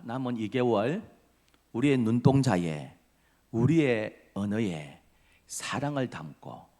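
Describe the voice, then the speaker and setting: Animated preaching man, lively pitch. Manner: animated, swings from loud emphasis to hushed whispers. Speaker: pastor. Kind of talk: sermon. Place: church sanctuary.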